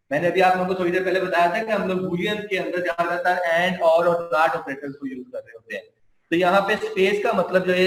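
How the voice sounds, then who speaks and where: A man's voice: sits high, a bit bright, echoey room, low-quality recording. A man giving a recorded computer science lecture, explaining each point step by step and repeating it.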